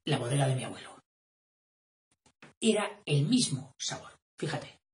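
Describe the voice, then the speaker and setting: A man's voice: medium pitch, big pitch swings, measured pace, reverberant. A man giving an informal video lesson, explaining in a rambling, conversational way and often checking in with tag questions. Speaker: teacher.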